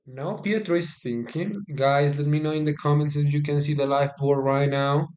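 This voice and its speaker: A Spanish-speaking man from Colombia, with a Colombian Spanish accent, offers casual chess commentary on a live stream recorded on his phone. His fairly high voice is steady in tone and a little mellow. He chats haltingly, repeats words, and addresses his viewers.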